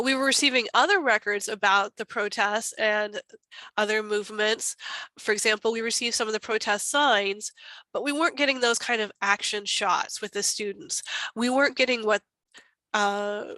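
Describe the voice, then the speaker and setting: A woman's voice: medium pitch, fairly even intonation, normal speed, bright, forceful tone, no echo, poor audio. A woman, congested from a cold, giving a chatty conference presentation as a university archivist. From Texas. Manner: chatty, self-deprecating.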